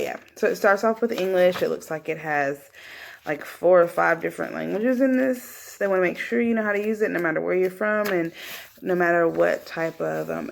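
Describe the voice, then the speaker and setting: Female vlogger, slightly low voice with strong creak, casual and rambling, thinking out loud. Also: a little hiss or hum. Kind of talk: casual unboxing chat. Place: small room at home, indoors. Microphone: phone at arm's length.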